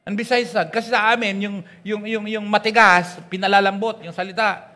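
High, animated preacher with Pangasinan accent. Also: male voice, fairly quick, in a large hall. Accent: Pangasinan Tagalog. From Pangasinan, Philippines. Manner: animated preaching with frequent calls of "Amen?" and "Praise God"; mixes English phrases into Tagalog, swings between loud and soft. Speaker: pastor. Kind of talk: sermon. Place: church.

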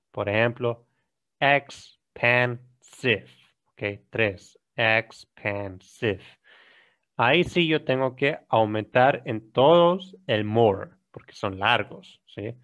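A man with an Ecuadorian Spanish accent teaching an English grammar lesson, explaining in Spanish, reading examples slowly and often checking "¿sí?". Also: mid-range voice, a bit bright. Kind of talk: recorded classroom lesson. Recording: dull lo-fi recording.

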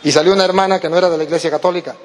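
High-voiced Venezuelan priest telling a story. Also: male voice, rapid-fire, in a large hall. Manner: animated, acts out quoted voices. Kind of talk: storytelling testimony.

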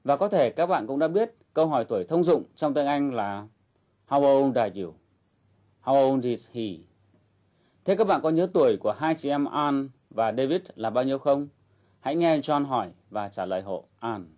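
Male lesson host, mellow and calm, explanatory delivery. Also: mid-range voice, normal speed. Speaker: English teacher host. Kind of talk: instructional narration.

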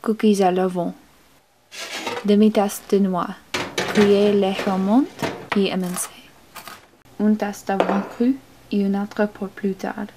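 A young woman, talking in a flat, detached, deadpan way, as in a mock art-film. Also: mid-range voice, music in the background. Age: young adult. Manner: flat, detached, unhurried delivery. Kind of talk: deadpan art-film narration and phone scenes. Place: house kitchen, indoors.

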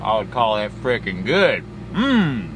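Here a trucker vlogger in his 40s, chatty and lively, addresses the camera directly in a relaxed cooking video shot from his sleeper cab and then outside at a fuel stop. He speaks slowly in a fairly low voice, with a handheld camera up close and loud truck and road noise behind him.

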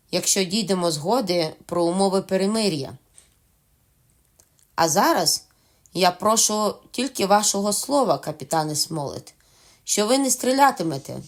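A woman's voice: mid-range voice, lively intonation, normal speed, natural voice. A woman voicing a cunning one-legged male pirate who talks with overly polite, ingratiating charm in a storybook reading.

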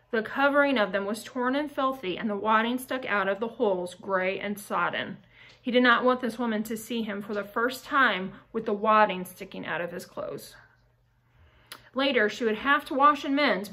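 A woman reading a novel aloud in a measured, careful way. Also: on the high side, pushed and bright, rough recording. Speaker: audiobook reader.

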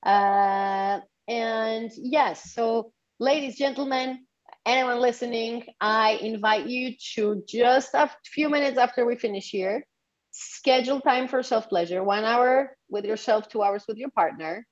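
A woman's voice: a little high, measured pace. A woman, a guest on a podcast, who talks enthusiastically and guides listeners step by step. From Poland. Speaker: guest, sexuality coach. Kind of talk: podcast interview. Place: home in Tulum. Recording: dull lo-fi audio.

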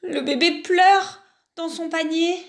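Slow, high-voiced woman telling a story. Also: fairly even intonation, fairly bright tone. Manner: unhurried, with sighs and spoken interjections. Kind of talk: children's storybook narration.

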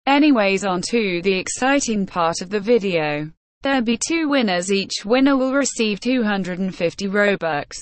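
Synthetic woman host voice, mid pitch, bone-dry, monotone scripted announcements. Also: normal speed, no echo. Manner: flat synthetic text-to-speech reading. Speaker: gaming channel host.

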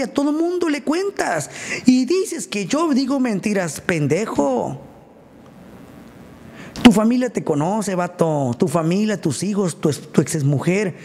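A man's voice: high voice, darkish tone. A Mexican man livestreaming casually, greeting viewers in crude slang and ranting combatively. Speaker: livestreamer and baker. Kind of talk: casual live stream chat greeting viewers.

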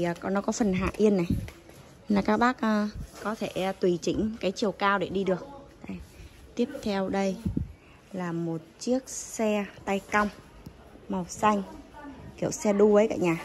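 A woman giving a casual, polite sales walkthrough as a seller, listing items and prices to customers while filming on a handheld phone. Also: mid-range voice. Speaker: bicycle seller. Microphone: phone held while filming. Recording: noisy handheld phone recording.

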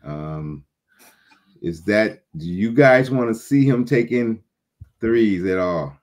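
A man on a basketball podcast video call, posing questions to the others and trailing off quietly. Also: lowish voice, lively intonation, slow. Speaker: podcast panelist. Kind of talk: casual sports talk. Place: home room on a video call.

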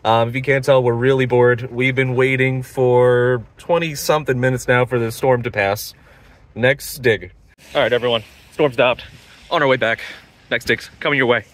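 A man's voice: mid-range voice, fairly even intonation, moderate pace. A young man hosting a metal detecting vlog outdoors at a beach. He talks in a chatty way straight to his viewers and narrates casually into a handheld phone. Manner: chatty, addresses viewers directly.

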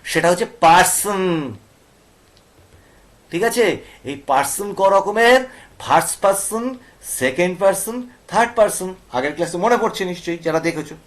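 A man's voice: high-pitched, animated, moderate pace, pauses often. A male teacher with a Bengali accent, explaining grammar to students and often checking they follow with questions. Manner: asks students questions and repeats points.

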